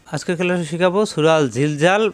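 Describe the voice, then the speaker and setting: A man giving a tajweed lesson, chanting verses slowly and then quickly explaining how each letter is pronounced. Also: a little high, clear, resonant tone, dry recording. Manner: alternates slow melodic recitation with quick explanations of pronunciation. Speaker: Quran recitation teacher.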